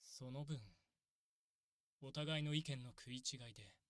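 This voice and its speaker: A man playing a kindly, long-lived elf priest in an ASMR role-play, very polite, soft and measured. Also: mid-range voice, no room sound, clean studio sound, close to an everyday voice. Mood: reflective, sad.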